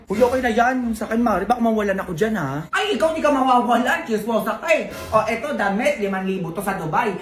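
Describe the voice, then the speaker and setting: Teasing woman in comic skits. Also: on the high side. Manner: teasing, bantering gossip talk. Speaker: comedy skit performer. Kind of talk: comic sketch acting.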